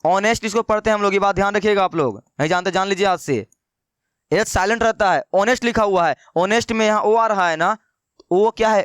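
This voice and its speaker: A man's voice: high voice, clear, resonant tone, no room sound, clean studio sound. A man teaching an online grammar lesson. He asks and answers his own questions and repeats key words. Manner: slows down to dictate notes. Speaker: English teacher.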